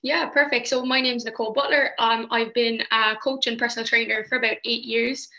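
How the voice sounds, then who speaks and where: A woman's voice: on the high side, steady tone, a little fast, sharp tone. A young adult Irish woman giving casual interview answers as a podcast guest. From Ireland. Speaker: podcast guest, fitness coach. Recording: roomy, echoey internet call.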